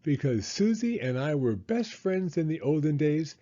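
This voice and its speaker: A man's voice: on the high side, very animated, moderate pace, dark tone, muffled recording, pitched above the performer's own voice. A man voicing a cheerful, curious little girl pig from a storybook, in an eager, exclaiming manner. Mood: excited.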